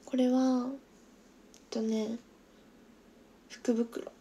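Giggly young woman with a gravelly edge. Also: a little high, level tone, drawn-out words, slight background noise. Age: 20s. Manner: giggly, drops to a soft whisper while reading comments. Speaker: idol livestreamer. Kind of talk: casual livestream chat reading viewer comments.

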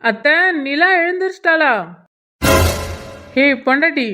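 A woman's voice: sits high, expressive, measured pace, sharp tone, soft background music, voice pushed up, full character voice. A woman voicing a cheerful, affectionate young husband in a cartoon, calling out to his wife.

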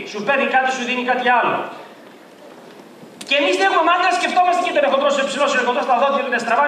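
A man giving a lively seminar talk as a tourism trainer, animated and rising to near-shouts as he acts out quotes. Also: extremely high pitch. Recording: echoey hall from far off.

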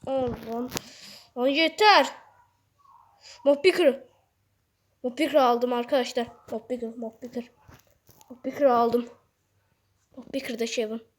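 A woman giving excited gameplay commentary straight to her viewers, yelping commands and sometimes dropping to hushed asides. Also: on the high side, moderate pace, pauses often. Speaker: gaming video host.

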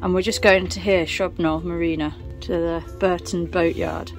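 A woman's voice: on the low side, steady tone, normal speed, soft background music. Chatty young woman vlogging. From England. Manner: chatty, thinking aloud with fillers. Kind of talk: casual travel vlog chat. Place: outdoors on a canal narrowboat. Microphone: phone at arm's length.

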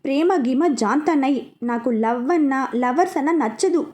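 A man's voice: very high voice, moderate pace, a little mellow. A woman voicing a blunt, dismissive young male student who wants nothing to do with love, speaking curtly and with threats. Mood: scornful.

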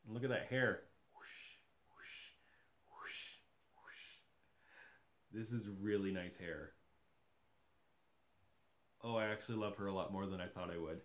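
A man's voice: low voice, slow pace, pauses often. A man in his thirties chatting casually while unboxing a doll in his living room, enthusiastic and thinking aloud as he goes. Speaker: doll collector vlogger. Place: living room, seated on a sofa.

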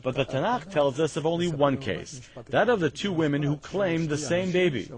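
A man's voice: fairly high pitch, moderate pace, a crowd in the background. An older man born near the Latvian border, giving an earnest documentary interview in a museum exhibit room on a lapel mic. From Latvian border region.

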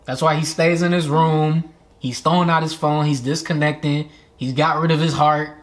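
Animated man in casual reaction chat. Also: a little high, normal speed. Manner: animated, quotes lines in put-on voices. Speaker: co-host reacting to a music video.

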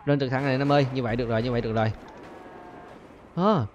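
A man hosting a gaming channel, chattering excitedly to viewers as he plays and repeating his phrases, with faint game gunfire behind him. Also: mid-range voice, rapid-fire, highs cut off, a little hiss or hum. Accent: Vietnamese. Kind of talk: excited gameplay commentary.

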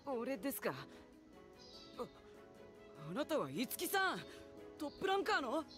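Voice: high voice, sing-song, moderate pace, music in the background. An actor voicing a timid young male gamer in a Japanese anime game, nervous, stuttering and apologetic. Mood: startled.

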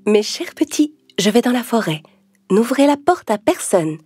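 Casting : une femme pour une mère chèvre bienveillante de dessin animé, voix douce. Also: female voice, fairly high pitch, very animated, moderate pace, pitched above the performer's own voice. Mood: prévenant. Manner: soft, protective. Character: gentle caring mother goat.

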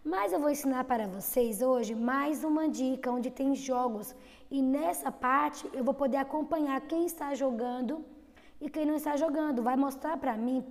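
A woman teaching young children in an online lesson, with a Brazilian accent, stretching out syllables slowly. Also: high voice, a little mellow, big-room sound. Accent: Brazilian Portuguese. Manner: slow, drawn-out syllables for children. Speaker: kindergarten teacher.

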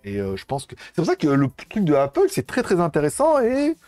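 Chatty French man with lively pitch. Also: fairly quick, no room sound. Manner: rambling, colloquial, many fillers and restarts. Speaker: tech livestream host. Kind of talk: casual live chat with viewers.

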